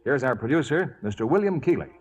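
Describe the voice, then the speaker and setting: An American man announcing on 1940s radio, with a smooth salesmanlike delivery. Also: mid-range voice, very animated, fast, muffled recording.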